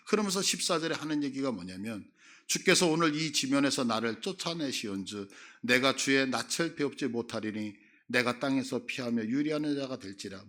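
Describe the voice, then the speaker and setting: A man's voice: medium pitch, fairly bright tone. A middle-aged man preaching a sermon, acting out Bible figures' words with sudden rises in his voice. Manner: acts out Bible figures' words with a big rise in voice. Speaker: pastor.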